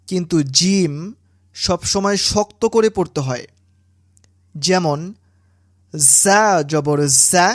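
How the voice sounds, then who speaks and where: A woman teaching Quran reading, pronouncing letter sounds slowly and deliberately, one syllable at a time. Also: fairly low pitch, dry recording, clean studio sound. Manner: slow, deliberate, drawn-out syllables. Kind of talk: slow instructional recitation lesson.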